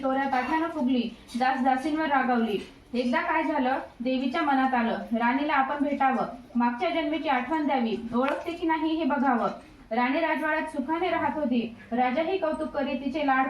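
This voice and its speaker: A woman narrating a devotional folk tale in a rhythmic, measured way. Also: sits high, roomy sound, a little hiss or hum, rough recording. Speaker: storyteller.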